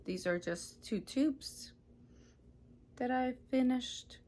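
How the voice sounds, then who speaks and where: A woman's voice: high-pitched, slow, a little mellow. A woman in her thirties, originally from Ukraine, hosting a casual knitting vlog and chatting through her projects while often correcting herself. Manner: chatty, self-correcting, often unsure of details. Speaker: knitting podcast host. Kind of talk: casual show-and-tell vlog.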